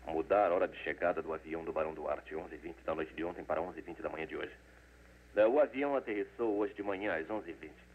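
A man dubbing a deep formal airport manager. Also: quick pace, close to an everyday voice. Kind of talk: 1940s Brazilian Portuguese film dub. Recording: tinny old film dub with hiss.

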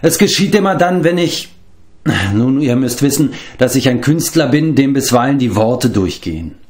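A man's voice: mid-range voice, expressive, normal speed, a little mellow, lightly acted. A man reading aloud and voicing a boastful, hapless former king turned wandering bard who rambles and corrects himself. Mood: rambling. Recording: roomy echo.

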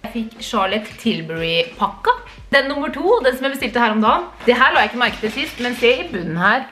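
A young woman from Norway chatting casually in a vlog, animated and tossing in English words, with hiccups. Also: fairly high pitch, a little hiss or hum. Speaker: vlogger.

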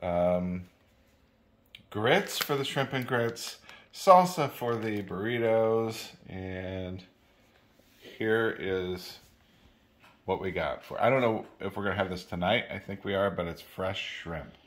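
A man's voice: lowish voice, slow. A man co-hosting a casual grocery haul in a home kitchen, easygoing and agreeable, with lots of "um"s and "uh"s. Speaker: channel co-host.

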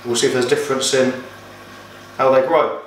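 Gardening vlogger, forties, mid pitch, matter-of-fact, roomy echo, faint hiss. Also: male voice, little pitch movement, fairly quick. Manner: plain, matter-of-fact, step by step. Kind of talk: casual how-to explanation. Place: small room indoors, then back garden.

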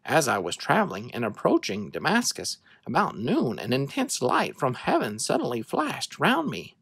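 With a husky, medium-pitched voice touched by vocal fry, a narrator dramatically tells scripture to children in an expressive, measured style. There is no echo.

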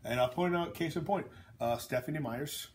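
A man's voice: a little high, normal speed, a little hiss or hum. A man, an author hosting a casual chat, talking bluntly and jokingly with lots of fillers and tangents. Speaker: author and host.

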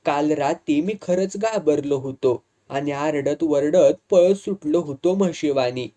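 A man voicing a hot-tempered, boastful village wrestler who talks in a rough rustic way and threatens people. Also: on the high side, a little slow, dark tone, close to an everyday voice. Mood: sheepish. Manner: blustering, threatening, rustic speech.

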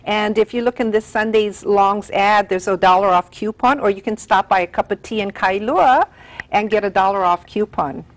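Middle-aged woman guest, eager and upbeat, slightly halting, studio lapel mic. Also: mid-range voice. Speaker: tea room owner, guest. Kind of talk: promotional TV interview. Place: TV studio set.

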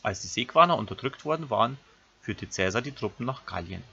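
A man's voice: medium pitch, animated, a little fast, gravelly, pushed and bright, highs cut off, slight background noise. A man, a teacher giving a recorded grammar lesson, who explains step by step and speaks directly to his pupils. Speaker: Latin teacher.

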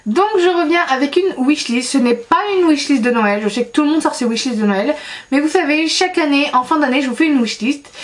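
A young woman talking casually as a beauty vlogger, chatty and self-mocking, with many fillers. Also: high voice. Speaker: beauty YouTuber. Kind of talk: casual vlog chat.

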